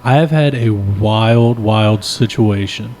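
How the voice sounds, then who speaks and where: Mellow, jokey man. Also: lowish voice, takes it slowly, slight background noise. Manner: jokey, slangy. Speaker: podcast co-host. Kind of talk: casual podcast chat and storytelling.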